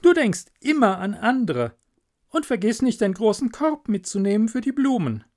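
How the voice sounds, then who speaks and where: A man voicing a gushing miller's wife in a storybook, speaking softly and admiringly in a raised voice. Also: high-pitched, sing-song, moderate pace, voice pushed up.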